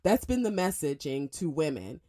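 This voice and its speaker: In the studio, a female radio host delivers a forceful monologue packed with opinion. Her lively delivery comes in fast bursts, with sudden leaps in pitch whenever she wants emphasis.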